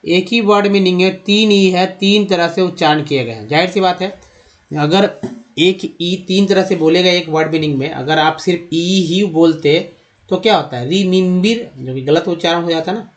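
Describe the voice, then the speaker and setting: A man teaching English pronunciation in a lesson, speaking slowly, spelling out letters and asking his viewers questions. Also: a little high. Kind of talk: Hindi-language pronunciation lesson.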